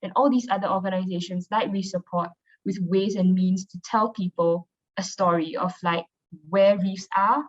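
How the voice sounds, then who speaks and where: A young marine biologist from Singapore gives an informal, conversational presentation over a video call. Her mid-range voice is steady in tone at normal speed, and the online call audio is dull and lo-fi.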